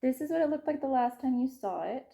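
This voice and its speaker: A woman's voice: high-pitched, animated, fast, vocal fry, warm tone. A woman showing her stitching projects in a casual chat, rambling and correcting herself, laughing at herself and sometimes dropping to a whisper. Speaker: cross-stitch vlogger. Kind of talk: casual show-and-tell.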